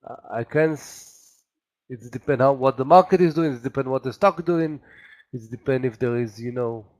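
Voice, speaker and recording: Halting non-native English-speaking male trader. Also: medium pitch, darkish tone, poor audio. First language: not English. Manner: halting, thinking aloud. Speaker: stock day trader. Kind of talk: casual live trading commentary.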